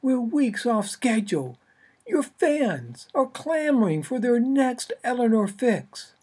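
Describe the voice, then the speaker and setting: A woman voicing a loud, impatient female literary agent who pushes hard for a deadline. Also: a little high, big pitch swings, slow, breathy edge, voice pushed up, full character voice. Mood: exasperated. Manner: blaring, pushy, impatient.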